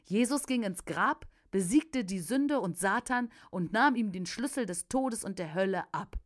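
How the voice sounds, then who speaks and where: A woman narrating a first-person preacher's memoir, fervent, often bursting into loud emphatic exclamations. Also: mid-range voice, lively intonation, unhurried.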